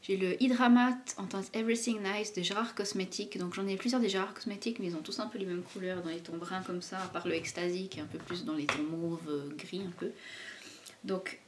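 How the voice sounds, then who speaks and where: A woman's voice: on the low side, steady tone, a little fast, a little hiss or hum. A young woman, chatting casually about her favorite products as a beauty vlogger, hesitant and full of fillers. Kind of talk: casual product review chat.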